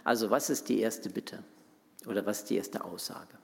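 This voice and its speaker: A pastor with a low, gravelly voice preaches at a moderate pace, explaining a Bible passage in a conversational, interactive style and putting questions to his listeners. A long hall reverb surrounds the recording.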